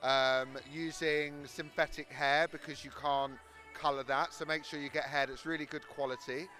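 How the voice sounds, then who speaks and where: London guy, south london accent, bit high for a man, hairdresser doing a how-to chat, light music around. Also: flat delivery, moderate pace, bright, forceful tone. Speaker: hairdresser demonstrating his technique. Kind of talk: explanatory interview and tutorial. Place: large exhibition hall backstage. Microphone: handheld interview microphone.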